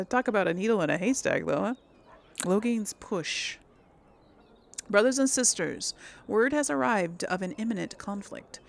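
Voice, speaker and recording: A woman with a medium-pitched, gravelly voice gives casual, chatty let's play commentary, thinking aloud and reading in-game text. She hosts a role-play game series.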